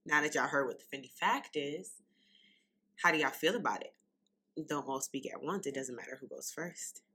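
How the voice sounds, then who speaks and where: A young woman with a New York accent, hosting a podcast in a loud, unfiltered, casual way that speaks straight to listeners. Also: low voice. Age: young adult. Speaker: podcast host.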